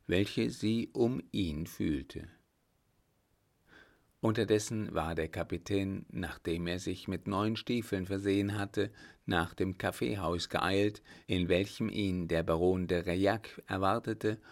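A man reading a historical novel aloud as an audiobook narrator, in a measured, even manner. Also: low-pitched. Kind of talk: scripted narration.

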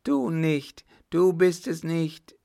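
A wailing, half-mad young baron cries out in high, strained bursts, as a male narrator puts him on. His voice carries a gravelly edge and drags slowly through the raving. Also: exaggerated voice. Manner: shrill, wailing, anguished outbursts.

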